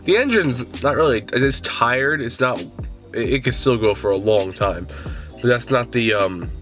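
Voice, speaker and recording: A young adult car vlogger, stuffed up and congested from a cold, rambles casually and swears now and then while walking around his truck outdoors in a driveway. His mid-range voice is expressive, unhurried and fairly bright, with soft music playing in the background.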